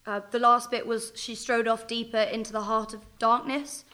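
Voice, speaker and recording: A woman's voice: on the high side, little pitch movement, moderate pace, sharp tone. An actress playing a wry, teasing female action heroine in a comedy audio drama. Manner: teasing, sardonic.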